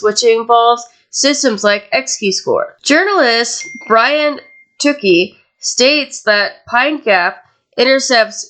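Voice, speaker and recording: A woman with a slightly high voice, gone raspy for the night. She co-hosts a podcast and reads her research aloud at a steady, matter-of-fact clip. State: raspy voice tonight. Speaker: podcast co-host. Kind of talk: reading researched notes.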